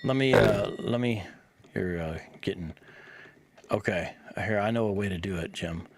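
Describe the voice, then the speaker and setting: A man's voice: fairly low pitch, normal speed, creaky, husky. A man hosting a live online talk show, easygoing and casual, calling his guests bro and man.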